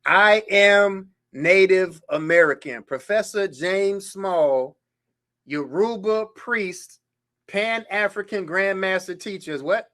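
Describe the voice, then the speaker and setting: Here the history show host speaks slowly, his voice sitting high with a fairly bright tone. Between passages of the biography he's reading, he stops to mock clips with open disbelief.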